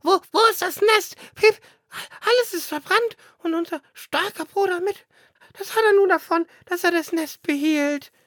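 A man voicing quarrelsome young sparrows in a squeaky, breathless chirping voice. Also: sharp tone, dry recording, studio quality. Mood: indignant. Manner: hurried and quarrelsome. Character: squabbling young male sparrows, cocky and shrill.

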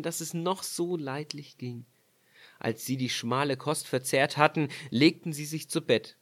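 A man reads a classic fairy tale aloud in a measured, expressive storytelling voice. His pitch sits mid-range, and he takes his time over each phrase. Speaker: narrator.

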